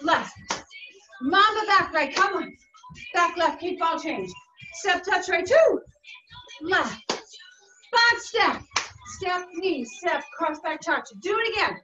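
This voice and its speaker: Her voice very high and lively in intonation, a young woman teaching aerobics at home speaks slowly with long pauses, firing off brief encouraging cues and whoops full of energy. The carpeted living room is captured by a camera across the room, leaving the audio distant and dull under workout music.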